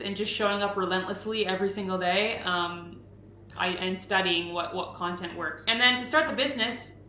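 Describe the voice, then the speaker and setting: A woman's voice: mid-range voice, bright, forceful tone. A young woman from Canada answering viewer questions in a casual chat, full of "like" fillers and the odd swear word. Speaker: fitness creator and host. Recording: echoey room with faint background noise.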